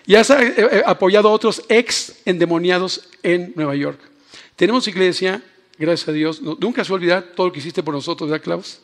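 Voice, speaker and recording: A man's voice: high voice, brisk. A man preaching an emotional sermon in a church, joking with the congregation and calling on people by name. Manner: emotional, animated, jokes with the congregation. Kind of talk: lively sermon. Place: church hall.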